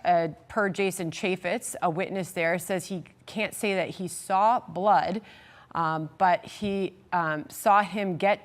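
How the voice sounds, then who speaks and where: A woman's voice: lowish voice, fairly bright tone. A woman anchoring live breaking news, hesitant while relaying details.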